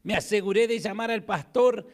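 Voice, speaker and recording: A man's voice: sits high, moderate pace. A male pastor preaching a sermon, retelling a story and acting out the dialogue.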